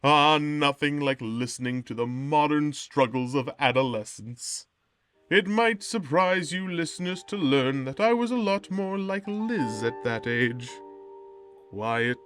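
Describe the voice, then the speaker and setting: Guy doing smug wicked horror show host, slow savoring delivery, swoopy, music behind. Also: mid-range voice, a bit bright. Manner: wry, savoring, self-satisfied. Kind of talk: scripted horror anthology narration.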